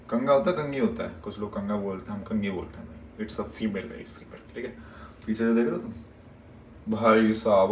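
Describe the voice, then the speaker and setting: A young travel vlogger talks casually to the phone in his hand, playful and teasing with bursts of mock anger. His fairly low voice sounds reverberant and far from the mic, with a little hiss or hum.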